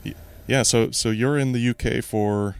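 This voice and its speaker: A man's voice: medium pitch, steady tone, normal speed, clean tone. A man hosting a podcast, reading a scripted intro and then asking questions with some hesitation and repeated words. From United States. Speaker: podcast host. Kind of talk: casual interview, scripted intro.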